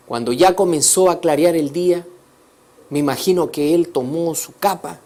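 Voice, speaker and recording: A man telling a religious story as a sermon, swinging between loud emphasis and soft, hushed passages. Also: on the high side. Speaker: teacher of a religious course. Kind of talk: preaching storytelling.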